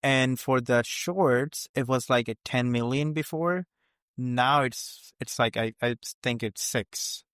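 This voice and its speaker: A male podcast host who speaks haltingly, restarting his words as he puts questions to his guest. His voice is smooth and clear at a middle pitch. It's captured dry and close over a video call. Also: fairly bright tone, no echo. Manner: halting, restarts, non-native phrasing. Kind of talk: interview questions.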